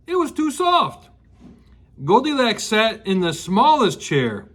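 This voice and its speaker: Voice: medium pitch, fairly bright tone. A storyteller in a rambling grandpa style, reading to children with folksy asides and questions. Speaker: children's story show host.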